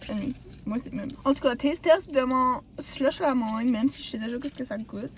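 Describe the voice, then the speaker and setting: Fast, high hoarse Québécoise vlogger. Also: female voice, slight background noise. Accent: Quebec French. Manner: chatty, rambling, full of fillers. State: hoarse from a sore throat. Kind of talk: casual vlog chat.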